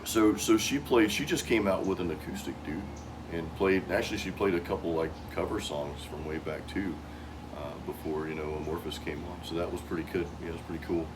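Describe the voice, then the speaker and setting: A man's voice: low-pitched, brisk, noisy background. A middle-aged American man hosting a casual, informal chat in loose, slangy speech. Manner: informal, peppered with "dude" and "man". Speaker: host.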